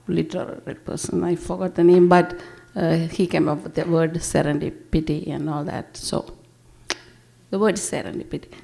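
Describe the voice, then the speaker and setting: A woman from Sri Lanka, emceeing a library poetry reading with relaxed, unhurried asides. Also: low-pitched, creaky. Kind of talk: introducing readers. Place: public library event.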